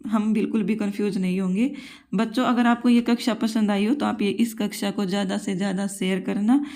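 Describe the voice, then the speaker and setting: A woman's voice: medium pitch, steady tone, brisk, a little mellow. Patient woman teaching grammar. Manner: patient, repeats rules and asks the class questions; addresses students as children. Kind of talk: exam-prep grammar lesson.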